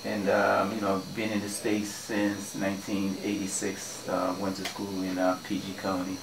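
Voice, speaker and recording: A man from Ghana, a guest on a radio show, telling stories in a relaxed way with many fillers and restarts. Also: sits low, moderate pace, echoey room, far from the mic, background noise. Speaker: guest, community organizer. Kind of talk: casual radio interview. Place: radio studio.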